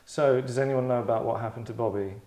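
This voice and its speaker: This London table-read host talks fast in a mid-range voice with a steady but dark tone. He directs the actors and explains things casually, rambling in a sardonic, mock-dramatic manner.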